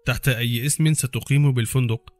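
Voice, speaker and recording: A man voicing a calm, defiant young female intelligence officer in an audiobook, speaking in a hushed, level way. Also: medium pitch, quick pace, dry recording, soft background music, close to an everyday voice.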